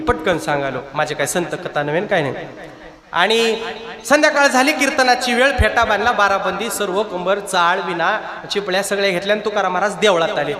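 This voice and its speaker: A man preaching a devotional kirtan sermon, telling a saint's story with lively calls and asides to the crowd. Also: high-pitched. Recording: echoey hall with long reverb.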